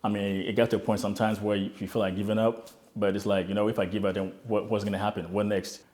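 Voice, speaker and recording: Talking fast in a flat, low, darkish voice, a young Ghanaian interviewee reflects on his journey as an immigrant who founded a start-up. He speaks earnestly and frequently repeats words when he restarts a thought.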